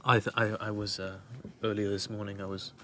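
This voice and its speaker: A man hosting a podcast interview, friendly and quick to laugh, answering his guest with short encouraging words. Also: fairly low pitch, flat delivery, fairly bright tone, slight background noise. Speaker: podcast host. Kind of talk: casual interview. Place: outdoors on a walking trail.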